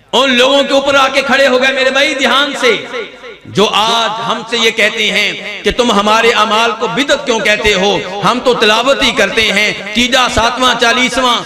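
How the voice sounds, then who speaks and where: A man preaches with a very high voice, pressing his points by posing questions and then answering them himself. His talk carries the feel of a question-and-answer lecture. The murmur of a gathered crowd stays audible behind him. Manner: emphatic preacher who asks and answers his own rhetorical questions. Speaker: Islamic scholar.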